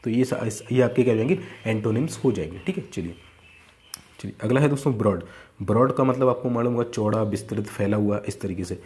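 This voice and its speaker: Low, mellow-voiced male teacher. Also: brisk. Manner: conversational, repeats 'है ना' and 'ठीक है'. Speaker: exam vocabulary teacher. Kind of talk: casual Hindi lesson.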